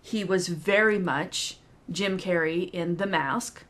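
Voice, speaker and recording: A woman's voice: on the low side, slow, a bit bright. Woman co-hosting a wry movie chat. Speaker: podcast co-host reviewing horror films. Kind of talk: casual movie discussion.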